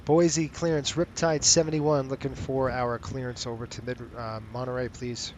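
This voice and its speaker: A man's voice: medium pitch, level tone, moderate pace, muffled recording. A man talking like a pilot on a cockpit headset, mixing clipped procedural callouts and radio calls with casual, offhand muttering. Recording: noisy, with background cockpit ambience.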